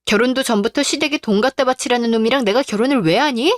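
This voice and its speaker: Cold, firm young business owner, a woman voicing her, slightly high pitch. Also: fast, no echo, studio quality, lightly acted. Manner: curt, scolding. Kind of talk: Korean radio drama.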